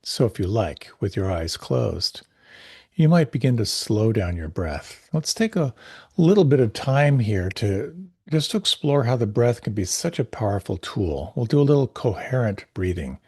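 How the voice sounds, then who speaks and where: A man teaching a guided meditation class, giving gentle, unhurried, soothing instructions with pauses. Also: fairly low pitch, very animated, slightly rough, no room sound, studio quality.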